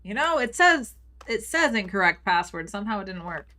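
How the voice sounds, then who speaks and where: A woman's voice: mid-range voice, sing-song, a little fast, bright, forceful tone. A woman streaming a video game, chatting playfully with her viewers and reading their messages aloud. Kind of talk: casual live-stream commentary.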